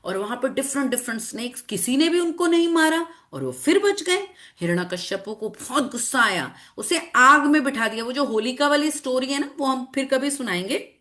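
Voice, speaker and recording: A woman teacher telling a scripture story to children in an online class, animated and asking them questions as she goes. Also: high voice. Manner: animated, repeats phrases, asks children questions. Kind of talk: storytelling lesson to children with slides.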